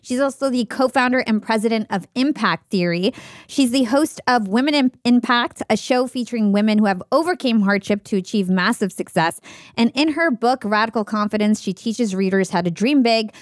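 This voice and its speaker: A woman's voice: fairly high pitch, moderate pace, no echo, studio quality. A woman from New Jersey hosting a podcast, introducing her guest and asking methodical, researched questions. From New Jersey, United States. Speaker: podcast host. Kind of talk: scripted intro and interview questions.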